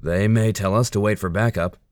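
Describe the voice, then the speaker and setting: A man's voice: on the low side, steady tone, a little fast, no room sound, clean studio sound, pitched above the performer's own voice, lightly acted. A man voicing a tense male special-forces team leader in an audiobook, giving clipped, urgent orders.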